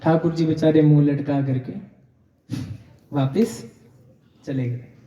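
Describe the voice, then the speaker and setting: A man's voice: a little high, fairly even intonation, slow pace, dark tone, far from the mic, highs cut off. A male preacher giving a devotional sermon, telling stories and addressing the audience emphatically. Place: satsang hall. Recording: echoey room.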